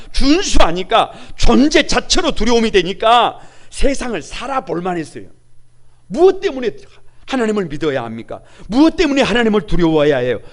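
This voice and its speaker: Impassioned high-voiced male pastor preaching. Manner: impassioned, full of rhetorical questions, swings between hushed and loud. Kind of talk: sermon.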